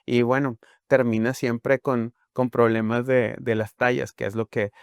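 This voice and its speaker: A man's voice: mid-range voice, little pitch movement, unhurried, gravelly, smooth, no room sound, studio quality. Man explaining with rhetorical questions. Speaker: guest speaker on emotions and health. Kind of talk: explanatory talk show conversation.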